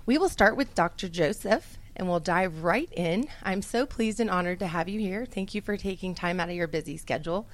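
A woman's voice: on the low side, brisk, few pauses. Polished female radio host. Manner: polished, reads sponsor copy smoothly. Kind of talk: radio interview hosting.

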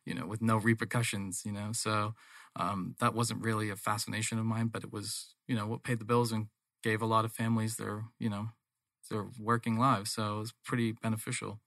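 Bright, even-toned North American man. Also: lowish voice, brisk, no room sound, studio quality. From England, later Toronto, Canada. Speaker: guest, manufacturing business owner. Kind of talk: conversational interview.

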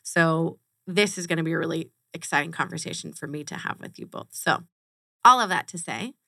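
A woman's voice: deep voice, brisk, creaky, pushed and bright, dry recording, clean studio sound. A woman hosting a podcast interview, enthusiastic and chatty, who laughs often. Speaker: podcast host. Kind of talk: casual interview chat.

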